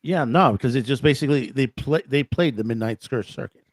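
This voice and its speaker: A man's voice: medium pitch, a little fast, no echo. A man hosting a casual online show, rambling and restarting as he tells stories. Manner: rambling, restarts often, storytelling. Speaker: host. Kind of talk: casual podcast chat.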